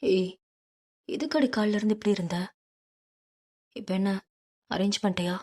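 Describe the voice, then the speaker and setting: A woman's voice: medium pitch, normal speed, a little mellow, lightly acted. A woman voicing a possessive, hot-tempered rich young man in an audiobook, speaking bluntly and insistently. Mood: teasing, offhand. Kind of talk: audiobook character reading.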